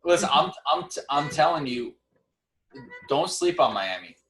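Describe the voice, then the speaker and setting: A man co-hosting a casual sports debate, animated and often restarting his sentences as he argues. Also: on the high side, unhurried, recorded from a distance, soft background music. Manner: animated, stumbles and restarts when arguing. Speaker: co-host. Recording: echoey room, away from the mic.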